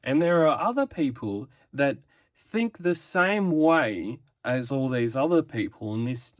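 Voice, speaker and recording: A man's voice: mid-range voice, animated, a little slow, no echo, clean studio sound. A man giving a casual spoken comic book review, rambling and restarting often.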